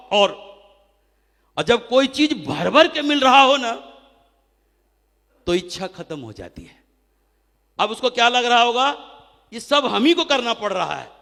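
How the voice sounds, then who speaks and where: A man giving a motivational seminar talk as a trainer, firing off rhetorical questions and answering them himself. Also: high-pitched. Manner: animated, acts out quoted people. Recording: long hall reverb.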